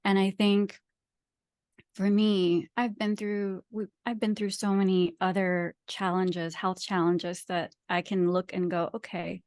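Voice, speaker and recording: Guesting in a reflective interview, this author from Pakistan, for whom English is a second language rather than her first, talks with earnest, philosophical emphasis. Her medium-pitched voice is level, measured, a little mellow and clean. The studio sound is clean, with no room sound.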